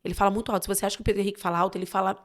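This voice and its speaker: A woman with a Brazilian accent, a guest on a church podcast, telling family stories in a lively, expressive way. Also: mid-range voice, rapid-fire. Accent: Brazilian Portuguese. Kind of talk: casual storytelling chat.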